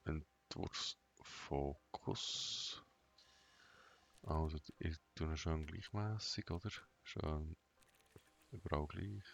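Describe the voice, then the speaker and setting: A man talks through a game in a slow, very low voice with a gravelly creak. His delivery is monotone and emotionless, broken into short, hesitant remarks. The sound is somewhat dull, with music behind him. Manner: hesitant, thinking aloud in short fragments. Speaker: gaming tutorial host. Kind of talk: unscripted game walkthrough commentary.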